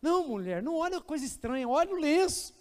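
An anxious, pleading young man , acted out by a preacher with a Brazilian Portuguese accent and a high voice. He sounds restless, as in a sermon story. The church's long reverb hangs behind him. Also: sing-song, fast talker. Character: anxious young man returning to his father.

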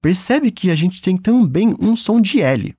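A German teacher with a Brazilian accent leads a language lesson in a fairly high, very lively, upbeat voice that is a little slow with a breathy edge. He is patient and encouraging, and the recording is dry and close with no echo.

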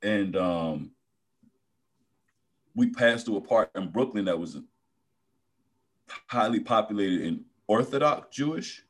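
An animated man co-hosting a podcast, his pitch jumping around as he spins a story. He talks in casual slang and keeps breaking into laughter. It is a relaxed chat between friends. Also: takes it slowly, pauses often. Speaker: podcast co-host.

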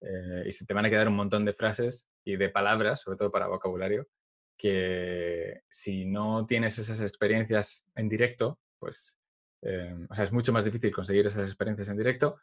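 Male co-host, lowish voice, thoughtful, hesitant, jokey. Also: fairly even intonation, normal speed. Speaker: Spanish teacher podcast co-host. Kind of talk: casual teaching chat.

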